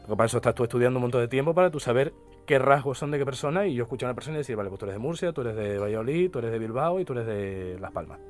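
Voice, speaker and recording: Here the same kind of guest talks very fast in an expressive, medium-pitched voice: a young Canarian linguist and poet from the Canary Islands. During the radio interview he gives long explanations peppered with tag questions, while soft music plays behind him in the studio.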